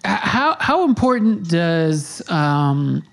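A woman hosting a casual interview podcast. She asks her questions haltingly, with many fillers and restarts. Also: on the low side, sing-song. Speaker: podcast host.

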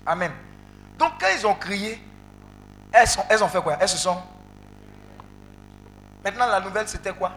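A male preacher leading an interactive sermon, calling out to the congregation and breaking into loud exclamations. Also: high-pitched, moderate pace, long pauses, slight background noise. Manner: animated, calls out to the congregation, bursts into loud exclamations. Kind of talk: interactive sermon with call and response.

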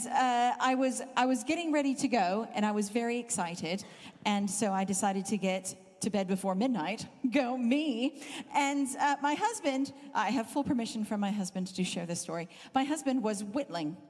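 A middle-aged woman with a mid-range voice and a Southern Californian accent softened by years in the UK preaches as a guest speaker, telling a funny story about herself. She's animated, self-deprecating and laughs often, and the live church-hall recording carries hall reverb.

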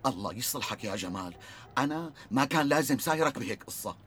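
An anxious man with a Levantine Arabic accent, his fast, bright voice swinging widely in pitch as a reluctant accomplice, played by an actor. He pleads and frets with a lot of worry. A faint outdoor ambience sits behind him. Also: expressive, slight background noise, close to an everyday voice. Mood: worried. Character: nervous, reluctant friend dragged into arson.

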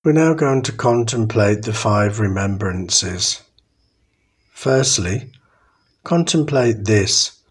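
A man guiding a meditation in a calm, soothing way, giving slow, unhurried instructions. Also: lowish voice, breathy edge. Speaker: meditation guide. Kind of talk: guided meditation narration.

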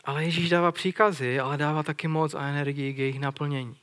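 A man's voice: on the high side, steady tone, a bit bright. A man preaching a sermon in an earnest way, retelling a scripture story and putting questions to his listeners.

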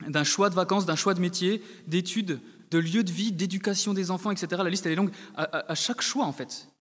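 A male preacher giving a sermon to his congregation, talking directly to them with frequent hesitations and repeated words. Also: on the high side. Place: church hall. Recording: long hall reverb.

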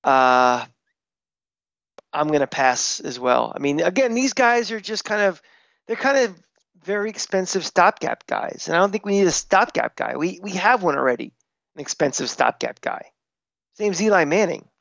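A man co-hosting a casual sports podcast, blunt and opinionated, talking in quick bursts. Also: high-pitched, expressive, creaky, a bit bright, dry recording, muffled recording. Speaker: podcast co-host.

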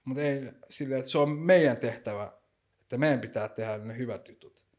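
Casual young man in slangy chat, mixes in English phrases, keeps on going. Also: medium pitch. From Finland. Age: young adult. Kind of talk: casual conversation.

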